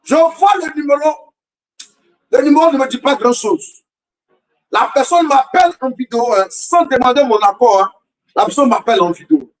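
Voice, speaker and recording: A man preaching a sermon as a prophet, shouting repeated rhetorical questions in a half-sung cadence. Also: extremely high pitch, expressive, normal speed, pauses often, distant mic, rough recording. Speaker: prophet preaching a morning prayer.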